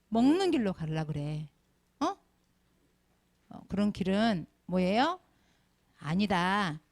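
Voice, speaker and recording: A middle-aged woman with a creaky, mid-range voice delivers a Sunday school sermon to children. She is animated and fires one question after another at them.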